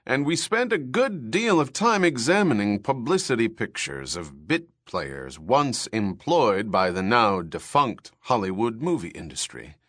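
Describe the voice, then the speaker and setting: A man voicing a dry, pedantic male research chief who explains findings on television, slowly and deliberately. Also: mid-range voice, very animated, a bit bright, no echo. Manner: slow, deliberate, lecturing. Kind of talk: audiobook character voice.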